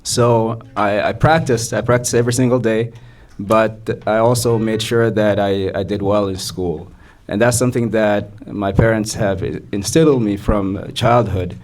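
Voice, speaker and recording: A young man from Somalia, a physician, giving a measured personal talk to an audience with frequent fillers. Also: lowish voice, darkish tone. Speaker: guest speaker, physician.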